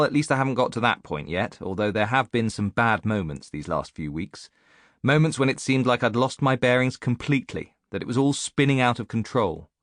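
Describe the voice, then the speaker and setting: A man with a medium-pitched, natural voice reads an audiobook as a reflective, self-mocking woman in her late thirties, musing and confiding as though in a letter. The mood is sombre and reflective, recorded in a dry studio with studio quality and no room sound.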